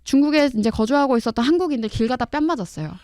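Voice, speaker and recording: Woman commentator talking quick and firm, slightly high voice, dry close sound. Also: darkish tone, dry recording. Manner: emphatic, assertive and declarative. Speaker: political commentator guest. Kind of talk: talk show discussion.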